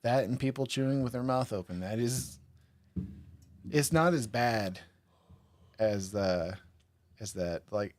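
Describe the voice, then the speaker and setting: A man's voice: mid-range voice, lively intonation, slow pace, long pauses, darkish tone. A tipsy man hosting a live stream, chatting casually and rambling, laughing often. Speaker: podcast and stream host.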